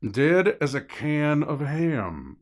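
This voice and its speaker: A man playing a slow-drawling, folksy Satan. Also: fairly high pitch, very animated. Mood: amused, unhurried. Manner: slow, drawn-out, folksy delivery. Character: Satan, demanding, mocking, slow-drawling cigar-smoking daddy of demons.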